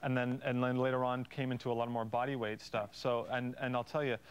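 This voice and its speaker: A man's voice: medium pitch, little pitch movement, fairly quick, smooth. A man speaking as a guest yoga instructor, explaining and demonstrating in an informal, earnest, encouraging way.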